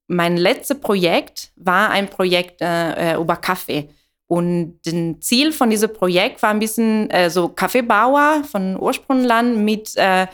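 An Italian woman who founded a coffee business answers questions as an interview guest in her lowish, clear, resonant voice. Speaking with an Italian accent, she hesitates as she searches for words in a language that isn't her first.

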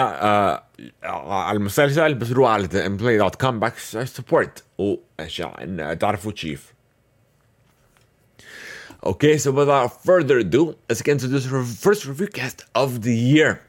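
Slow, low-voiced man. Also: big pitch swings. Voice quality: hesitant, filler-heavy, mixes English and Arabic. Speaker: podcast host. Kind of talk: casual solo review podcast.

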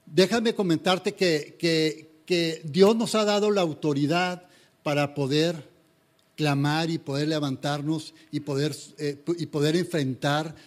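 A man preaches in a fairly high voice, earnest and conversational. He stumbles and restarts often. It sounds like a talk given to a congregation. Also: fairly even intonation, measured pace. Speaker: pastor. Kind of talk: sermon.

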